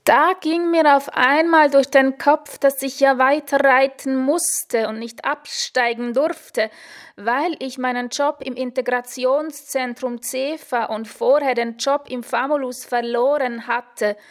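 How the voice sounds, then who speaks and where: A woman reading her own first-person story aloud in a dry, deadpan way, sometimes correcting herself. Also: high voice, takes it slowly. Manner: dry, deadpan humour, occasional self-corrections.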